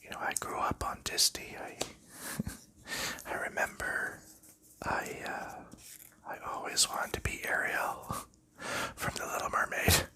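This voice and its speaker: An ASMR channel host whispers in an airy, very bright voice while sleeving cards. He rambles easily and unhurriedly from topic to topic with small fillers and light laughs, and the recording quality is low.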